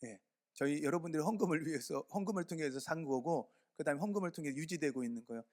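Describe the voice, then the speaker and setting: Korean pastor with a slightly high voice. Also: male voice, fast, a little mellow. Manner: conversational storytelling, quizzes the congregation. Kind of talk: sermon.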